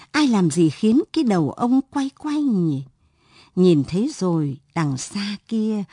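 A woman narrating a story in an expressive, dramatic reading. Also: medium pitch, no echo, studio quality.

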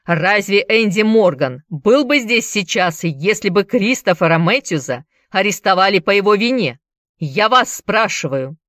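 A woman voicing a burly middle-aged male cobbler who shouts commands over a crowd, in an audiobook reading. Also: medium pitch, unhurried, no echo, clean studio sound, lightly acted. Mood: commanding.

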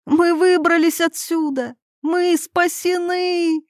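A woman's voice: on the high side, unhurried, darkish tone, dry recording, studio quality, natural voice. A woman reading a novel aloud, voicing an exhausted woman lost in a forest who pleads and questions. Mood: overjoyed. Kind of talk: audiobook character reading.

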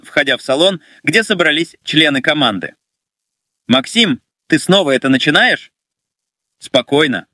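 A man narrating a dramatic story in an expressive way. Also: high-pitched, dry recording, studio quality.

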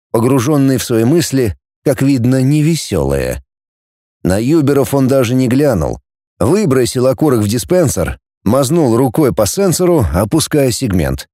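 A man reading an audiobook as narrator, telling the story in an expressive way. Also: medium pitch, no room sound, studio quality. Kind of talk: scripted narration.

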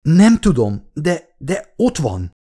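A man voicing a jumpy, nervous man in an audiobook, with high, panicky outbursts. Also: wildly swooping pitch, mellow. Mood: panicked.

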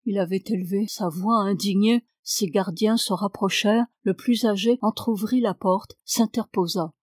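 A woman giving a steady, measured scripted narration of a novel. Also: mid-range voice, no echo, studio quality. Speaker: audiobook reader.

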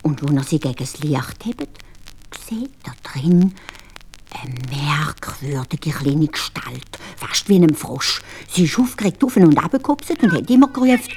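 A woman with a Swiss German accent telling a fairy tale in an expressive, animated way. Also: deep voice, a little slow, husky. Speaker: storyteller.

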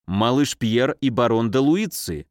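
A man voicing a sly notary who reads out a will in a measured, official manner. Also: medium pitch, lively intonation, dry recording, clean studio sound, lightly acted. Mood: formal.

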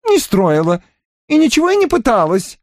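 An outraged young woman, flustered and very high-pitched, as a male narrator puts her on. Shrill protests, read close and dry. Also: huge pitch swings, moderate pace, darkish tone, no room sound, exaggerated voice. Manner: outraged exclaiming.

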